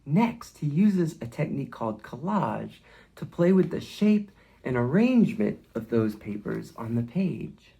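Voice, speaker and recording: Here a male educator leads young kids through an interactive storytime with movement prompts, simple guiding phrases, and questions. His mid-range voice is gravelly and mellow with big pitch swings at a measured pace, and the audio is dull.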